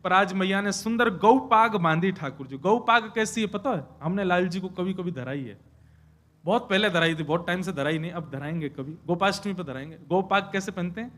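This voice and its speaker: Young male preacher, high bright voice, animated storyteller. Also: fairly quick. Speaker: kathavachak preacher. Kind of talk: devotional scripture sermon with storytelling.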